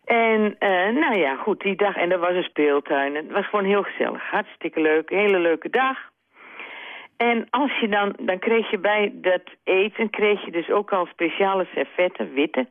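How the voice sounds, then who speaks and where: A woman's voice: medium pitch, no room sound. Middle-aged woman, caller, from the eastern Netherlands, chatty and rambling, over a tinny phone line, dry sound. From Liemers, eastern Netherlands. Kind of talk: telling an anecdote on a call-in show. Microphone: telephone.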